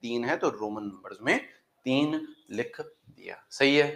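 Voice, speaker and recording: A man's voice: mid-range voice, animated, measured pace, a bit bright. A male chemistry teacher in a classroom, asking his students questions and repeating key steps. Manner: addresses students as "beta", asks questions and repeats answers; drills step by step, repeating key words.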